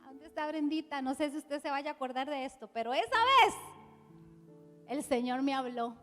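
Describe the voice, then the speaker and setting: A Costa Rican woman pastor preaching a sermon with passion, rising from soft to loud. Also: sits high, moderate pace, soft background music. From Costa Rica. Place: church hall with worship music. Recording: live church hall reverb.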